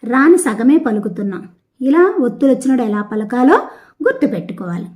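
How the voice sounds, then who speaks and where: A woman from the Telugu-speaking south of India teaches a language lesson, taking each textbook word slowly and repeating its syllables so pupils can follow. Her voice sits a little high. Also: expressive, darkish tone. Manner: slow, deliberate, repeating words and syllables for pupils. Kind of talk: classroom lesson explaining a textbook exercise.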